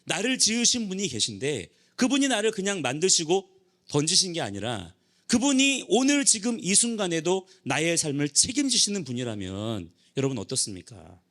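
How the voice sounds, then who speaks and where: Pastor preaching, lively questioning voice. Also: male voice, fairly high pitch, moderate pace. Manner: exhorting with many rhetorical questions. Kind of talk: sermon to a young adult congregation.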